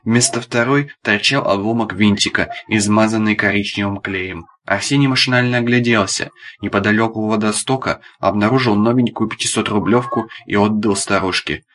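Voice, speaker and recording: A man reading an audiobook aloud, narrating in a darkly ironic, deadpan storytelling manner. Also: on the low side, normal speed. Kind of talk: scripted narration.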